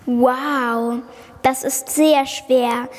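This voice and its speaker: A woman's voice: high voice, fairly even intonation, drawn-out words, big-room sound, full character voice. A young speaker playing a curious time-traveling girl who asks eager questions and stumbles over her words. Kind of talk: children's school podcast role-play.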